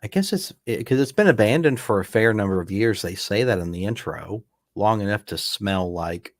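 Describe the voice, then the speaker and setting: A man's voice: fairly low pitch, normal speed, no echo, clean studio sound. A man co-hosting a casual movie commentary, rambling with frequent restarts. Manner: relaxed, rambling, talks in restarts. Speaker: podcast co-host. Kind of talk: casual film commentary chat.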